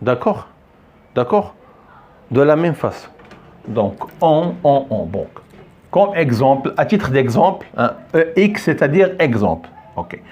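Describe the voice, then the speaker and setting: A man's voice: medium pitch, sing-song, measured pace, a little mellow, husky. A man teaching a French phonics lesson, patient and repetitive, often praising with "très bien". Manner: patient, repeats words many times, praises with "très bien".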